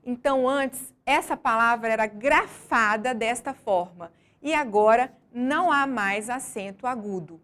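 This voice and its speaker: A woman with a slightly high voice narrates a scripted lesson. She speaks slowly and deliberately and leans hard on each stressed syllable. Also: fairly bright tone. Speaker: teacher.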